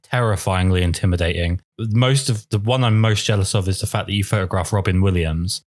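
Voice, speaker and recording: A male podcast host with a fairly low voice asks his guest measured, thoughtful questions. His voice sounds dry and close, with no room echo. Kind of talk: interview questions.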